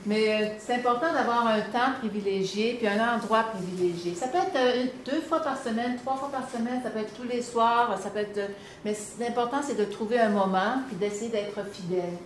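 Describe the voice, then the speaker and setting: Brief: Québécoise presenter, lively and encouraging, fairly high voice, echoey room. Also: female voice, moderate pace. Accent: Quebec French. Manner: animated, encouraging, with frequent fillers. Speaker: presenter on reading to children. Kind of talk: lively instructional talk. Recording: echoey room, faint background hum.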